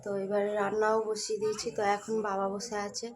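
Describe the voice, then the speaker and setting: A woman's voice: medium pitch, completely flat delivery, fast talker. A young woman chatting casually to her viewers in a daily home vlog, filming herself with a handheld phone. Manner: chatty, addresses viewers as friends; speaks softly so passers-by won't stare. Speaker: vlogger. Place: family home in a semi-rural village. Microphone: handheld phone camera.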